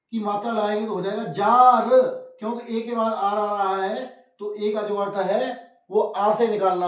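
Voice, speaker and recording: A man teaching phonics, spelling out letters one by one and calling his viewers friends. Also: high voice. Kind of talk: phonics lesson. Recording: echoey room, voice from a distance.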